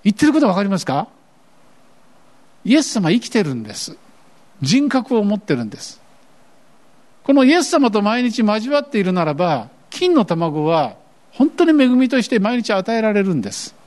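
A man's voice: sits high, very animated, moderate pace, long pauses, a little mellow. An older man preaching a sermon as pastor, asking his congregation questions and acting out the voices he quotes.

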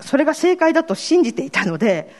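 Her voice is high, sing-song and darkish in tone, and she talks fast with a Kansai Japanese accent. As a church member, she offers a candid, self-deprecating faith testimony to the congregation.

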